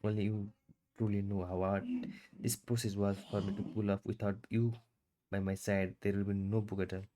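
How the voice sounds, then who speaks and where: A man reading a book aloud for his channel, in a halting, stumbling way with restarts. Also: lowish voice, little pitch movement, warm tone, a little hiss or hum.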